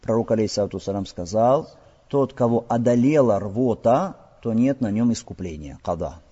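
Speaking at a normal pace with an animated, lowish voice that's dark and husky, this Islamic teacher explains religious rulings. He throws rhetorical questions at his audience and keeps asking "all right?". Long hall reverb fills the lo-fi recording.

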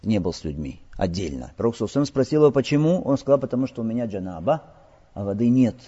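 An Islamic teacher gives a religious lesson, explaining rulings, posing rhetorical questions, and often checking with "all right?". He talks rapid-fire in a lowish, dark, husky voice with a sing-song lilt. The lo-fi recording has long hall reverb.

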